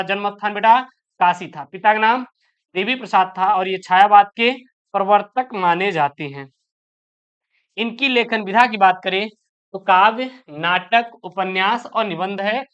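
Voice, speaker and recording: Smooth-voiced woman teacher calling students "beta". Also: medium pitch, fairly bright tone, muffled recording. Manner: calls listeners "beta", asks and answers own questions. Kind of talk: exam-prep lesson explaining poetry.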